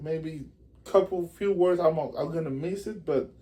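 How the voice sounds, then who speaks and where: Man, high-ish voice; animated casual guest who acts out quotes. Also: moderate pace. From Puerto Rico. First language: Spanish. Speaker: musician guest. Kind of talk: casual interview.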